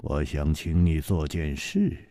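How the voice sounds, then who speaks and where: Man playing a deep calm swordsman, wry and gentle, slow sighing delivery, dry close sound. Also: no echo. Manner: slow low-voiced sighing speech.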